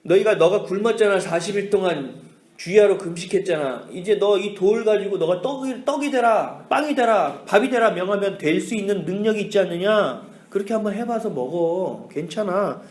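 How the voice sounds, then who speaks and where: A man's voice: high voice, animated, moderate pace, a little mellow. A tempter spirit wheedles and needles in a raised, pushy voice, as a male preacher puts him on. The sound is roomy and echoes around the hall. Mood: coaxing. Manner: coaxing, needling. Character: coaxing tempter spirit luring a hungry man.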